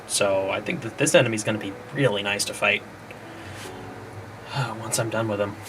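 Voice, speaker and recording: Over background music and a noisy backdrop, a man with a lowish voice speaks at normal speed while developing a game. He casually narrates his playtesting to himself in a think-aloud stream, drifting off mid-thought.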